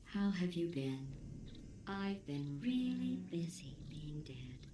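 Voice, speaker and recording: Brief: low, dry, passive-aggressive machine overseer, robotic filter, echoey game mix with a hum underneath. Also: female voice, normal speed. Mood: deadpan sarcasm. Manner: deadpan, passive-aggressive, insulting in a calm even tone. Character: cold sarcastic female computer overseer of a test lab. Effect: robotic processed voice. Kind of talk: video game dialogue.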